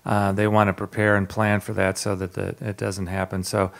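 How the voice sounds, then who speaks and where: Gravelly-voiced man hosting a radio show. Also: on the low side, normal speed. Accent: Southern US. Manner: relaxed, many "uh" fillers, jokes about his southern drawl. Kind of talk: casual radio talk.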